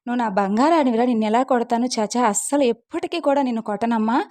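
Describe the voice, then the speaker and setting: A woman's voice: on the high side, fast talker, darkish tone, lightly acted. A woman voicing a tender older father.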